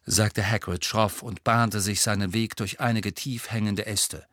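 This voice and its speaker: A man narrating an audiobook with steady, measured storytelling. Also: fairly low pitch, no room sound, clean studio sound. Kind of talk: scripted narration.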